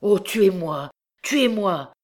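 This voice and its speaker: A woman's voice: low voice, moderate pace, a little mellow, natural voice. A woman reading an audiobook, voicing an anguished young man who pleads in a shaky voice. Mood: despairing.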